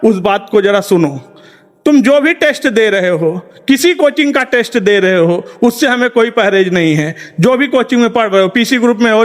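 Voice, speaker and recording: High-pitched man scolding students, echoey. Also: a bit bright. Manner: rousing, scolding, rhetorical, quotes couplets. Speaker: chemistry teacher. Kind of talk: exhortative coaching talk to students. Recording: long reverberant room echo.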